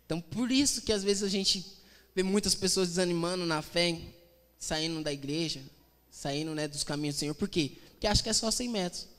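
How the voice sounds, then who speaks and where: A man delivers a lively sermon in a high, bright voice, chatting and acting out scenes with humor. His preaching rings through a reverberant church. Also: brisk. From Brazil. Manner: conversational, animated, acts out quotes with humor.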